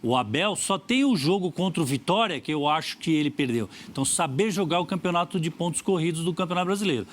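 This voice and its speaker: A Brazilian man giving football opinions in a lively debate, stressing points by repeating phrases. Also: a little high, quick pace, few pauses. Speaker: football pundit.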